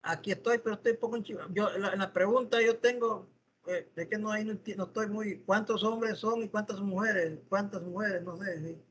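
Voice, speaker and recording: Hesitant high-voiced man on a noisy call. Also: fairly even intonation, fairly bright tone. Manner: hesitant, halting, unsure. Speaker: student. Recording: faint noisy lo-fi call audio.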